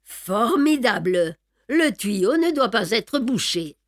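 A woman's voice: on the high side, big pitch swings, takes it slowly, dry recording, clean studio sound, heavily acted. A woman voicing an unflappable middle-aged male plumber who gives matter-of-fact, upbeat instructions in an audiobook. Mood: cheerful.

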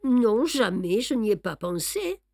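A woman's voice: a little high, big pitch swings, unhurried, vocal fry, darkish tone, dry recording, exaggerated voice. An anxious, loyal male companion pleads with worried questions, as a woman reading a novel aloud gives him a voice. The sound is dry and close. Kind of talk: audiobook reading.

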